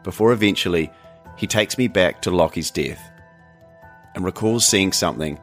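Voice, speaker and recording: A man hosting an investigative podcast, reading scripted narration in a measured storytelling style. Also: low voice, faint music behind. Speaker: podcast host and interviewer. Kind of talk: scripted narration and interview questions.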